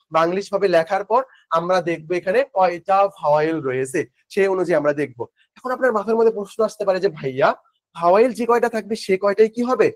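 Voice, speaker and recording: A man's voice: sits high, no echo. A young man teaching an exam-prep lesson, asking questions and answering them himself in a casual manner. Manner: asks questions and answers them himself, repeating key terms; informal, mixes English words into speech. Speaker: admission test tutor. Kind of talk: online exam-prep lecture.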